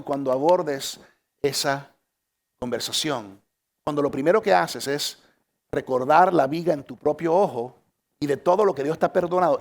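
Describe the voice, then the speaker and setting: A male pastor preaching a sermon to a church congregation, lively and humorous, repeating phrases for emphasis. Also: on the high side, vocal fry. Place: church stage.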